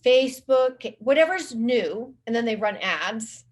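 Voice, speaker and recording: A woman's voice: on the high side, lively intonation, measured pace. A woman speaking as a marketing guest in a casual interview. She rambles, restarts her sentences and uses lots of filler words. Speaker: guest social media marketing specialist.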